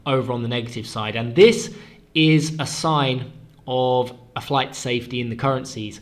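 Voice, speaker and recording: A forex analyst hosts a weekly currency market forecast, explaining briskly and leaning on key words. His mid-range voice, fairly even in intonation, sounds slightly stuffed up from a cold.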